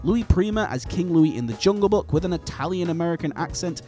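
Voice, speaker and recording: A man's voice: a little high, lively intonation, fast talker, dark tone, soft background music. A man reading a scripted video essay as its narrator.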